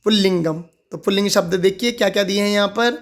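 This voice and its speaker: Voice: medium pitch, fast talker, vocal fry. Teacher drilling words with repeated questions. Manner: asks questions and answers them, repeating key words. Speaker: Sanskrit teacher. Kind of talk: recorded lesson explanation.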